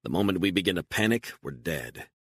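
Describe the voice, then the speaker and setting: A man voicing a hardened operative who speaks calmly and firmly. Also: deep voice, brisk, slightly rough, no room sound, clean studio sound, full character voice. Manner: calm, firm. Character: calm, hardened male operative.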